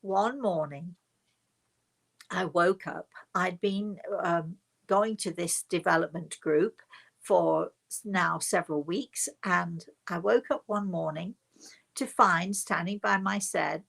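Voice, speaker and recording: A woman who works as a spiritual medium tells her story in a relaxed, conversational way to viewers online. Her voice sits on the low side, gravelly yet slightly bright, and she leans on emphasis by stretching words out and saying them again.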